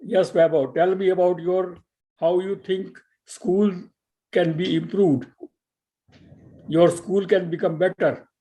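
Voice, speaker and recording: A man's voice: high voice, steady tone, warm tone. A man teaching a spoken class, patiently correcting pronunciation with frequent hesitations. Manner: patient, corrects pronunciation slowly with many fillers. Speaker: English teacher. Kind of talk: online spoken English class.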